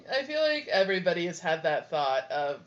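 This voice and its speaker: A young woman co-hosting a casual podcast, giggling and laughing often, on dull lo-fi audio. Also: fairly low pitch. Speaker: podcast co-host. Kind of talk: casual chat.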